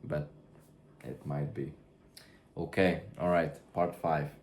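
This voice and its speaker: A man talking through his drawing work in a rambling way, now and then yelling toward a camera set far away. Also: a bass voice, steady tone, takes it slowly, a little hiss or hum. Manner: musing, trails off, then loud mock drill-sergeant yelling. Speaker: artist narrating his drawing process. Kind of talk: rambling studio commentary. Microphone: far camera mic. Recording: echoey room from far off.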